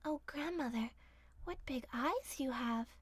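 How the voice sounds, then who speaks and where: A woman's voice: high voice, measured pace, husky, no echo. A woman voicing an innocent, polite little girl in a fairy tale, sweet, earnest and naive. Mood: puzzled.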